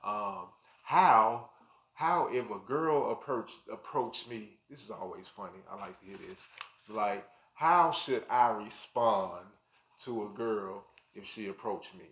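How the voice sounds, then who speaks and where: A man's voice: fairly low pitch, takes it slowly, a bit bright, reverberant. A man co-hosting a podcast, talking in a loose, rambling casual way full of slang and "you know". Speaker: podcast co-host. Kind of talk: casual conversational chat.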